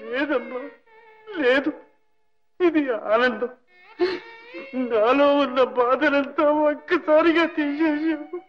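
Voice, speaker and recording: A man's voice: extremely high pitch, steady tone, takes it slowly, long pauses. An actor playing an old ruined rich man with leprosy, humble and grief-stricken, speaking tearfully and pleadingly in a film melodrama. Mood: weeping. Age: older. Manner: tearful, pleading, speaks with rising and falling emotion. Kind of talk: 1960s Telugu film melodrama. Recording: dull old film soundtrack with faint music.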